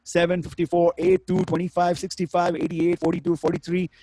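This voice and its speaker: A man's voice: high-pitched, completely flat delivery, fairly quick, background noise. A man with an Indian accent working as a bingo caller, calling numbers with rhymes in a showy, repetitive sing-song patter. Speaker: bingo caller hosting an online game.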